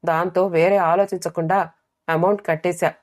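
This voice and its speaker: A woman's voice: fairly low pitch, flat delivery, normal speed, close to an everyday voice. A woman voicing an earnest young younger sister explaining herself to her family.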